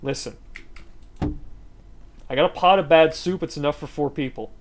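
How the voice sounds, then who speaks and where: Excitable streamer in casual gaming chat. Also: medium pitch, moderate pace, a little hiss or hum. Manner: excitable, playful, bursts into shouting. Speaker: streamer playing a co-op game.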